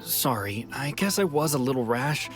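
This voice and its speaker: A man's voice: medium pitch, expressive, moderate pace, close to an everyday voice. An actor playing a nervous male smuggler in hiding, timid and apologetic, stammering. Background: game music.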